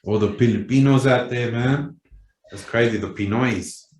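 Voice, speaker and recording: A podcast host with a medium-pitched, slightly mellow voice and moderate pace conducts a casual, effusive interview loaded with slang, sprinkling in "bro" and "man." The recording has a roomy echo and faint music.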